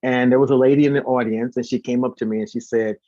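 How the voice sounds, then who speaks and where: A singer and former radio host, guesting in an interview, tells casual stories in a warm, steady, mid-range voice at a quick pace. The recording is dry and muffled, and he acts out quoted dialogue with animation.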